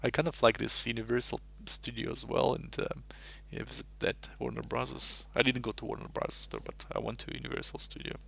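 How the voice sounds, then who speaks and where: A man's voice: mid-range voice, level tone, a little fast, vocal fry, few pauses, fairly bright tone, a little hiss or hum. A man from Russia chatting casually on a live stream, rambling and thinking aloud as he solves chess puzzles at his desk mic.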